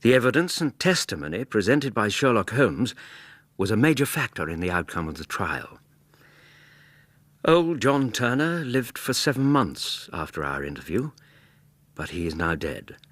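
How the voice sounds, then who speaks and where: A loyal gentleman doctor of Victorian England. His English-accented voice is low and husky with animated inflection, suited to radio drama scenes and storytelling alike. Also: moderate pace, dry recording. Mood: sober narration. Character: warm-hearted Victorian gentleman doctor, loyal male narrator-companion. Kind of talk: radio drama acting and narration.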